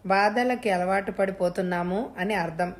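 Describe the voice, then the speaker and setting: A woman narrating a family novel in first person, telling the story in a steady reading voice. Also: mid-range voice, normal speed.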